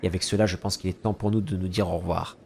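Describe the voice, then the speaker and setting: A man's voice: sits low, fairly even intonation, fast, gravelly, a little mellow, a little hiss or hum. Grimm, a man reading as a grandiose troupe master. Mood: theatrical. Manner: grandiose, theatrical reading of game dialogue. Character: suave theatrical insect troupe master.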